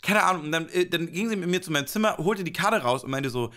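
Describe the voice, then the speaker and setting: A podcast co-host with a rather high, bright voice rambles through a funny story in easy casual chat. He laughs between lines and slips into little acted quotes. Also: expressive, fast.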